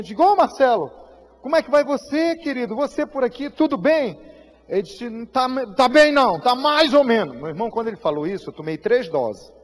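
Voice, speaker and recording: A man with a Brazilian Portuguese accent preaching a sermon, telling a story with feeling, acting out voices and shouting at the peaks. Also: sits high. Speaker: pastor. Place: church hall. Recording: live church hall reverb.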